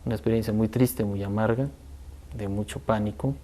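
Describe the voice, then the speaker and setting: A man in a documentary interview, recounting a frightening memory slowly and in a subdued way. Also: on the low side, fairly even intonation, background noise.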